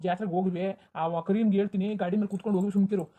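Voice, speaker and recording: A woman's voice: mid-range voice, flat delivery, rapid-fire, warm tone, lightly acted. A woman voicing an indulgent village father in a cartoon who soothes his wife and dotes on his daughter. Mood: soothing. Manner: soothing, brushing off complaints. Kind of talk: cartoon voice acting.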